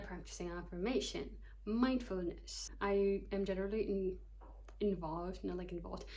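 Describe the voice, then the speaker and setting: A slightly mellow, mid-range voice belongs to a young woman in her twenties from Kyrgyzstan. This psychology student chats informally to camera in a vlog, jokes at her own expense, and reads loosely from her notes.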